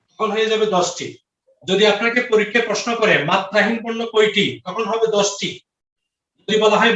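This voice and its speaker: Guy teaching grammar, high voice, sounds far off in an echoey room, dull lo-fi sound. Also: sharp tone. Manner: repeats questions and answers, drills students. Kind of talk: online grammar lecture. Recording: roomy, distant, dull lo-fi audio.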